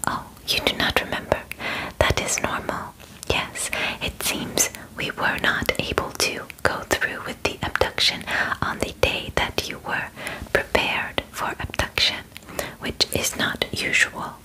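Speaking in a gentle, breathy whisper, a woman in her 20s portrays a polite female alien examiner who keeps things matter-of-fact. Her formal phrasing is measured and halting, separated by short pauses. The ASMR clip comes from a small bedroom and has poor audio.

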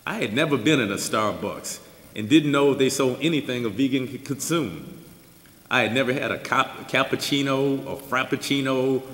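Older male keynote speaker reading his essay, even and wry, in a reverberant church hall. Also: medium pitch. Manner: measured reading with dry asides and chuckles. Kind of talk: reading a personal essay aloud. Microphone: stand mic at a lectern. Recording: roomy hall with long reverb.

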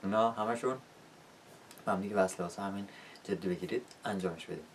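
Patient man teaching, low voice, distant mic. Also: a little hiss or hum. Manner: patient, encouraging, checks in with "okay?". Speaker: English pronunciation teacher. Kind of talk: video lesson.

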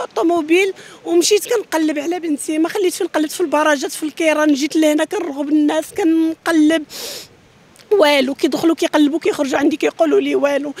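Woman, northern Moroccan Arabic, very high voice, extremely rapid speech, tearful and pleading, outdoor news interview. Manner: pleading, urgent, repetitive. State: distraught, tearful. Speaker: mother of missing children interviewed on the street. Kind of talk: emotional news street interview. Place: outdoors at night, large open lot. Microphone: handheld reporters' microphones held close.

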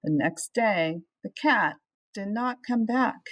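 Reading a children's storybook aloud like a teacher, a middle-aged woman uses measured, deliberate phrasing. Her medium-pitched voice is expressive.

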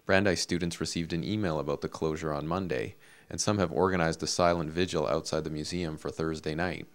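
A man reading a scripted local news report in a measured, even delivery. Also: very deep voice.

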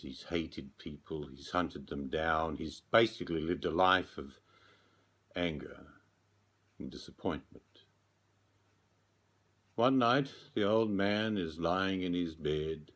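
Deep male voice, very slow, sleep story narrator, grave, dramatic pauses. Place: small dark room, candlelit, indoors.

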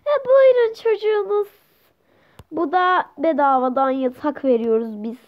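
A woman voicing a calm male doctor who speaks politely and matter-of-factly, in a dull lo-fi recording. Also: high-pitched, unhurried.

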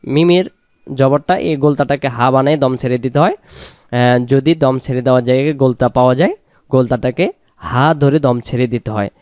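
A man teaching Quran recitation, spelling each word letter by letter and then chanting the verse slowly. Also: medium pitch, darkish tone, clean tone, no room sound, clean studio sound.

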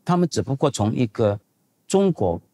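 Older male pastor for a Q&A session: husky, a bit raspy, talks in a loose and rambling way and leans on points for emphasis. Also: mid-range voice, very animated, normal speed, mellow. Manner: conversational, digressive, emphatic. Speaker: pastor and seminary teacher. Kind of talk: answering audience questions in a Q&A.

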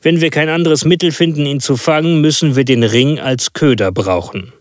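A man voicing an impatient, eccentric male detective with quick, commanding speech. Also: on the high side, no echo, studio quality, voice pushed up, close to an everyday voice. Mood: exuberant.

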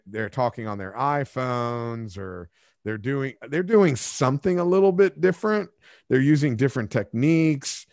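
Creaky and mid-range, this man's voice is captured without echo through a studio microphone in a home studio room, with headphones on. He is a podcast host in his forties, and in casual interview conversation he meanders through stories poking fun at himself, restarting as he goes.

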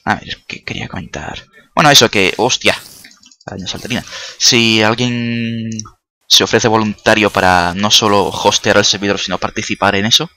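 A man with a fairly low, creaky voice and a sharp, steady tone talks at a normal pace while playing a video game. He's a gaming video creator, not a native Spanish speaker, whose casual commentary is chatty, jokey, sweary, and punctuated by startled outbursts. A little hiss or hum sits in the background.

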